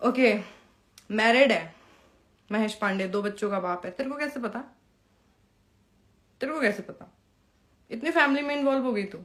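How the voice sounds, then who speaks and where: A young Bhojpuri performer from Bihar, India, addresses her followers in an informal live-stream monologue, pointedly taunting and calling people out directly, with English phrases slipping in. Her voice is a little high at a moderate pace, with frequent pauses.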